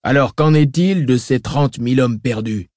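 A man voicing a cold, scheming, menacing baron in an audiobook reading, curt and measured. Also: mid-range voice, a little mellow, dry recording, studio quality, lightly acted.

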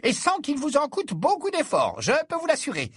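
A man voicing a fussy male writer who flatters and gushes while pitching a book deal. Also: normal speed, no echo, clean studio sound, exaggerated voice. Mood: gushing. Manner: effusive, flattering, salesy. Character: fussy, gushing male writer, fawning then businesslike.

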